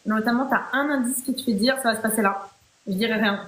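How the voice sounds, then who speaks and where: A woman's voice: a little high, fast talker. A woman hosting a live chat, talking playfully and chattily with many fillers and restarts. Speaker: live stream host. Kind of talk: casual chat. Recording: roomy echo.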